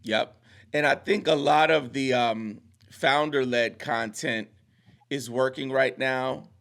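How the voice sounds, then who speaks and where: A man's voice: mid-range voice, fairly even intonation, takes it slowly, creaky, a bit bright. A man hosting a podcast interview, upbeat and enthusiastic as he asks questions. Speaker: podcast host. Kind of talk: casual interview.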